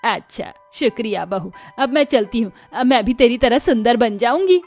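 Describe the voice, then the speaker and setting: A woman voicing a bossy, stubborn older mother-in-law in an animated cartoon story, who wails and complains loudly. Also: a little high, moderate pace, soft background music.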